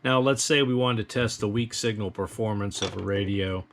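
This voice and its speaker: A man with a lowish, creaky voice and a fairly bright tone demonstrates radio equipment at a moderate pace, teaching methodically as the tutorial's presenter.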